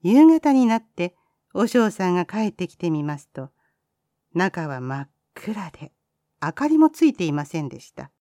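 A woman reading a children's folk tale aloud, gentle and expressive. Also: fairly low pitch, moderate pace, dry recording. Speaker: storyteller.

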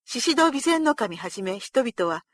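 Expressive woman reading a historical story. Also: fairly high pitch, a little slow, no echo. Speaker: narrator. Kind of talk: storybook narration.

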